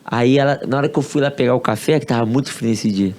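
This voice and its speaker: A man from Rio de Janeiro with a Carioca accent, a podcast guest telling a personal story in slangy, relaxed talk and acting out quoted dialogue. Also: mid-range voice, fast talker. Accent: Carioca Brazilian Portuguese. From Rio de Janeiro, Brazil. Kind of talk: casual storytelling.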